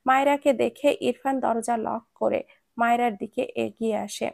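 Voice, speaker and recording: A woman narrating a romance story aloud in a steady storybook manner. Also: fairly high pitch, normal speed, gravelly, no room sound.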